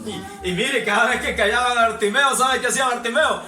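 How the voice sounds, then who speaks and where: A man preaching a sermon to his congregation, exhorting and asking them questions, his voice rising to shouts. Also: extremely high pitch, a little fast, soft background music. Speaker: pastor. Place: church hall. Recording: echoey hall, mic far off.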